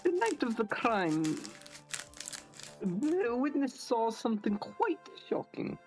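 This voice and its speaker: A haughty young prosecutor, as a woman reads her delivers cold, mocking lines with imperious flair. Her fairly high voice swings widely in pitch. Faint music sits underneath. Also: sing-song, takes it slowly, a little mellow. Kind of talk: reading a game aloud with voices.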